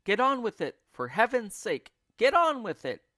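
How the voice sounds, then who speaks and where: Man performing monkey father, storybook character, frantic, bossy, commanding, raised pitch, highly animated. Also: normal speed, no echo, studio quality, exaggerated voice. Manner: urgent, commanding, exclamatory. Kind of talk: children's storybook character reading.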